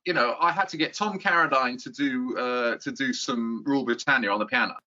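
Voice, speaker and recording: A man's voice: medium pitch, a little fast, sharp tone, muffled recording. Rambling, self-deprecating middle-aged man. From England. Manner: rambling, self-deprecating, with frequent restarts and chuckles. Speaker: YouTube guide host, interview guest. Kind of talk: casual interview chat.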